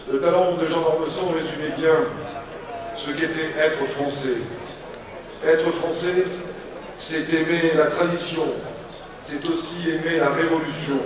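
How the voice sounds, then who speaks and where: A man giving a solemn, declamatory rally-style ceremonial speech as a public official, in short measured phrases. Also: fairly high pitch. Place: public commemoration ceremony with audience. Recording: echoey public address, distant mic, crowd.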